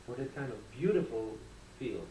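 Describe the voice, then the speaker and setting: A man's voice: medium pitch, lively intonation, normal speed, dark tone, a little hiss or hum. A man teaching a guitar masterclass, encouraging his student and singing phrases to show the line. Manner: encouraging, sings phrases to demonstrate. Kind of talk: masterclass coaching. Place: convention room, heard from a distance. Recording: roomy, distant sound with guitar playing. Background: guitar playing.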